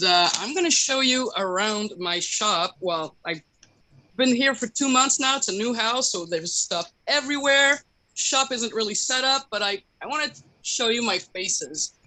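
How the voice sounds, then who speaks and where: A hobby sculptor from Quebec talks casually through a live workshop tour. The voice is bright and forceful, with very little room sound around it. The delivery is informal and halting, feeling its way from phrase to phrase. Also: mid-range voice, dry recording, low-quality recording. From Quebec, Canada. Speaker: hobby sculptor streamer showing work. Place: home workshop in a house. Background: bubbling aquarium water, passing truck.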